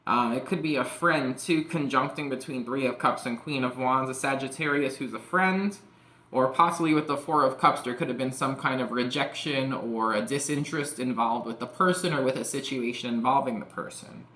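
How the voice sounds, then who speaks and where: A man's voice: medium pitch, moderate pace, bright, forceful tone. A man giving a casual tarot reading, rambling and peppering his talk with "like" and "you know". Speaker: tarot reader. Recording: echoey room.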